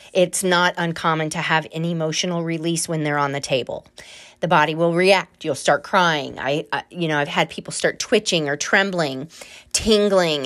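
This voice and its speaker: A woman's voice: fairly low pitch, fairly bright tone. A woman hosting a casual solo podcast as an energy healer, talking in a chatty, earnest, encouraging way and laughing at herself now and then. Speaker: podcast host and Reiki healer.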